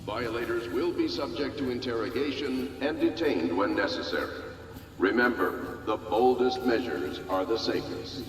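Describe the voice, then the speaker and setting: A man voicing a stern male city announcer whose curfew orders boom over a public-address loudspeaker in a video game, with a commanding, official cadence. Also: normal speed. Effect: public-address loudspeaker broadcast. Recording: distant echoing loudspeaker with noise.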